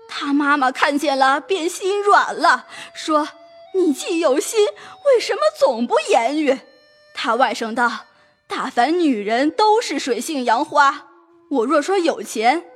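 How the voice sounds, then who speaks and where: A humble servant woman, voiced by a woman pleads and recounts a sorrowful tale at length, her voice high. Soft music plays under this audio drama. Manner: storytelling, pleading, emotional.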